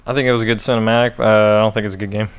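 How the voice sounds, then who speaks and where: A lower-pitched man on a gaming podcast, talking bluntly and cursing often. He acts out what other people say by putting on mock voices. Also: level tone, racing, clear, resonant tone. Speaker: podcast co-host. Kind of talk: casual gaming chat.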